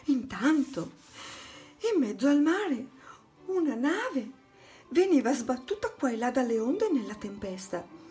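A woman's voice: sits high, big pitch swings, a little slow, dark tone, soft background music. A woman narrating a children's storybook, reading aloud expressively and dramatically.

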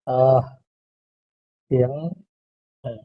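A man's voice: extremely slow, lo-fi sound. A male engineering lecturer giving an informal recorded lecture. He explains step by step and often checks in with "right?". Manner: explains step by step, often asks "right?" and adds polite particles.

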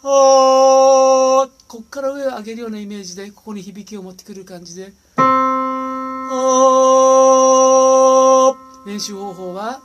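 A man's voice: sits high, rapid-fire, hardly any pauses, a little mellow, dull audio, soft background music. A man giving a casual singing lesson. He chats and demonstrates sustained sung vowels and humming, recorded on a smartphone. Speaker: vocal coach.

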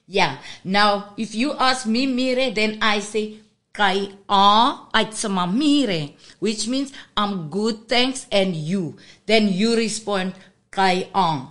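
A woman's voice: mid-range voice, takes it slowly, a bit bright. A woman with a South African accent, a guest patiently teaching language on a radio show and spelling out letters. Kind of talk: radio interview lesson.

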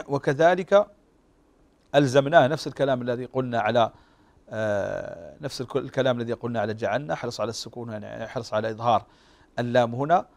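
A man teaching Quran recitation rules on a TV program, slowly demonstrating how each word is pronounced. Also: medium pitch, creaky. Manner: slow, drawn-out demonstration of pronunciation; explains calmly with frequent fillers. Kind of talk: tajweed lesson on a TV show.

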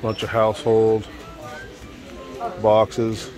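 Middle-aged male vlogger, low-key browsing commentary over music, phone-recorded. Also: completely flat delivery, very slow, dark tone. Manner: muttering asides while browsing. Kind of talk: casual walk-through commentary. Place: large warehouse auction hall, indoors. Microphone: handheld phone camera.

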